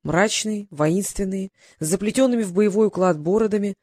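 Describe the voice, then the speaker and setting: A storyteller reading a fantasy audiobook at an even, steady pace. The voice sits mid-range and is recorded close and dry. Characters get their own voices in between. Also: medium pitch, fairly quick, no room sound. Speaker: audiobook narrator. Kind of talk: scripted fantasy narration.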